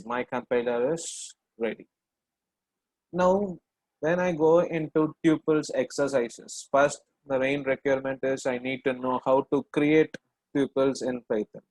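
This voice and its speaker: A man's voice: fairly high pitch, no echo, low-quality recording. A middle-aged man with an Indian English accent, teaching a hands-on programming lesson step by step and often checking in with "right?". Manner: explains step by step with frequent "right?" and fillers. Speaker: lecturer.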